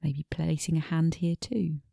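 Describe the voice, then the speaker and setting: A woman meditation teacher leads a body scan gently and without hurry, pausing between short phrases whose soft endings trail off into breathiness. Her voice is low, steady in tone and creaky, captured with studio quality and no echo.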